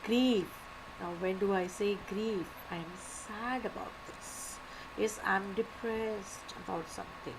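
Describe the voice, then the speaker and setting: A woman giving a live online lecture, animated, repeating key words and asking and answering her own questions. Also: mid-range voice, slow, noisy background. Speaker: teacher.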